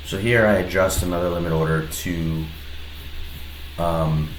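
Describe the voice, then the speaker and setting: A man with a low, deep, slightly nasal voice and a stuffy head cold casually breaks down a trade in a screen recording. He's relaxed but hesitant, pausing often and restarting. The audio has a roomy echo and a faint background hiss.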